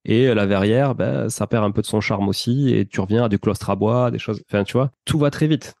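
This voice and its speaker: This talkative man has a low, creaky voice that is brisk and a little mellow, recorded dry at studio quality. Born in France to a Portuguese background, he is an entrepreneur and property investor telling his own story, informal, slangy and explanatory, in a casual interview.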